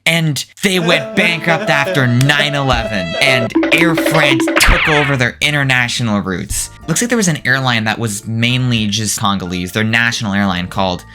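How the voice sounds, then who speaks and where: A man ranting casually in one take as a video creator, rambling with lots of "like" and asides, his pitch jumping up and down. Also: animated, normal speed, few pauses. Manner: pitch swings up and down a lot. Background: faint background music.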